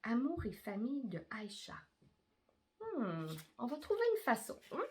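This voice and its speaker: A middle-aged woman with a Québécois accent improvising an Easter story with her daughter in a coaxing, animated way. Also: a little high, normal speed. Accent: Québécois French. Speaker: mother telling story.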